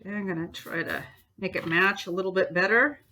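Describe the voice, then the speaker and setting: During a bookbinding demonstration, this art teacher talks her students through every step in a chatty, encouraging way, humming and breaking into song while she works. She speaks briskly in a bright, forceful, medium-pitched voice.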